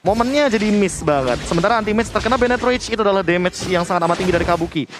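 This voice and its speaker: Male esports analyst, Indonesian accent, high pitch, rapid live commentary over light music. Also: lively intonation.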